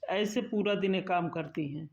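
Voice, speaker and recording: A man voicing a tired, loving older farmer father in a cartoon story, speaking calmly and explaining. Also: sits high, normal speed. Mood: caring. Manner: calm, explaining. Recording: muffled lo-fi sound.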